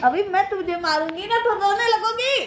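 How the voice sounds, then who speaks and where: High-voiced young mother teasing her toddler. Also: moderate pace. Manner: playful teasing, sing-song rhymes. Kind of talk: casual talk with her toddler. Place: home.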